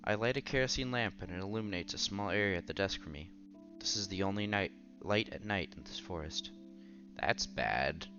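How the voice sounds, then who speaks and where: A man with a low, fairly quick voice reads a visual novel aloud as a streamer, blending narration with casual asides and stopping to react conversationally. The audio is dull, with the game's background music running under his voice.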